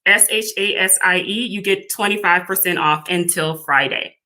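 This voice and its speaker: A woman from Houston, a small business founder, talking as a guest in a casual interview, friendly and relaxed with plenty of ums. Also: lowish voice, normal speed. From Houston, Texas.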